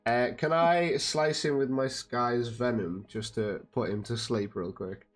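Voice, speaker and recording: A man's voice: mid-range voice, unhurried, faint music behind. A man playing a tabletop game, describing his actions casually. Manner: casual, matter-of-fact. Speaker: player.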